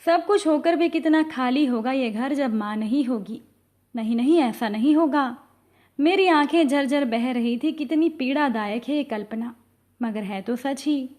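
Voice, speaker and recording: A woman narrating an emotional family story in a slow, feeling reading style. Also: high voice, darkish tone.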